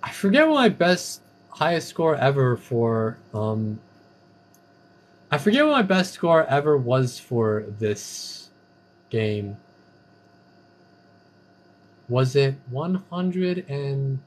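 A man giving casual, playful commentary while playing an online game, breaking into sing-song chants and silly catchphrases. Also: on the high side. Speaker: gamer streamer.

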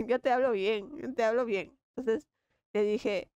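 A woman with a Peruvian accent chatting casually while she draws, lively and slangy, laughing often. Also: fairly high pitch, unhurried, clear, resonant tone, no room sound, muffled recording. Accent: Peruvian Spanish. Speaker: illustrator vlogger. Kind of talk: casual chat while drawing.

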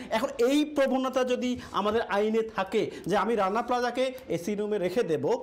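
A man hosting a political call-in talk show, pressing his guest and mixing English phrases into his speech. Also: sits high.

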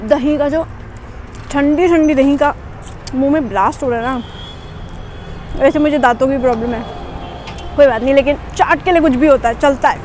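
A woman's voice: high voice, moderate pace, long pauses, a little mellow. A woman food vlogger talking while chewing, chatty and enthusiastic, speaking straight to her viewers at a street food stall. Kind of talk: casual food vlog chat. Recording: noisy street with traffic. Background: traffic and street noise.

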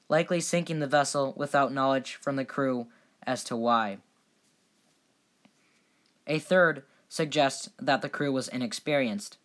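Bright-voiced male documentary narrator. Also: mid-range voice.

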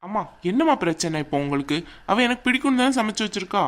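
A woman voicing a young husband in an animated cartoon, caught between his mother and his wife, talking in a coaxing, placating way. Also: medium pitch, fast talker, close to an everyday voice.

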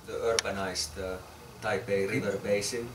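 An architect from Finland, a man in his forties, describes his research project informally to a small group in a crowded indoor room. His low, monotone delivery halts often, full of fillers and repeated words. Recorded by a distant camera, he sounds far away across a noisy, echoey space.

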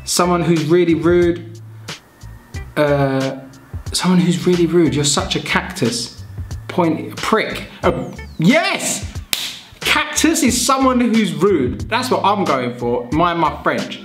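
A man talks in an unhurried, chatty way, teasing himself as he thinks out loud. His voice sits at a middle pitch. The room has noticeable echo, with faint music underneath. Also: animated. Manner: chatty, self-mocking, muses aloud. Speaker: vlogger. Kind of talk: casual vlog chat. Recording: echoey room.

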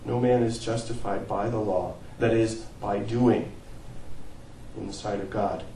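A pastor preaching a sermon in earnest, swelling to emphatic peaks and sinking to quiet phrase ends. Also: male voice, on the low side, steady tone, a little slow, echoey room, far from the mic, slight background noise, low-quality recording. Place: church sanctuary.

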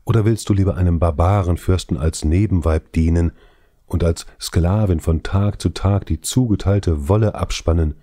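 A male audiobook reader voicing a despairing young princess in anguished, lamenting declamation, his low dark voice pitched up a little. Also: moderate pace, dry recording, clean studio sound. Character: despairing young princess, abducted king's daughter. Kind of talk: scripted audiobook reading.

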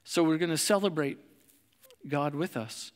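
A man preaching a sermon in a conversational way, with fillers and restarts, and slowing softly on reflective lines. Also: fairly high pitch, long reverb tail. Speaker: pastor. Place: church sanctuary.

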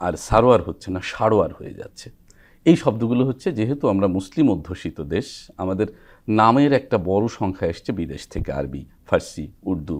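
A man teaches pronunciation as a recitation trainer. He speaks in a measured, didactic way and pauses to sound out example words. He is recorded in a television studio. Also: fairly low pitch, a little mellow. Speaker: recitation trainer, guest expert. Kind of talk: explaining pronunciation rules on TV.

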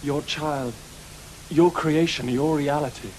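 A high-pitched, theatrical British Sherlock Holmes. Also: male voice, steady tone, takes it slowly, slight background noise, poor audio. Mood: pleading. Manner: grandiose, taunting, declamatory. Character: proud, theatrical, unhinged man believing himself Sherlock Holmes. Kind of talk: studio radio drama acting.

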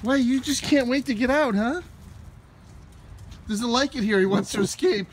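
A man filming a casual vlog indoors, talking in a high, sing-song baby voice to a dog. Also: moderate pace, a little hiss or hum. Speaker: vlogger.

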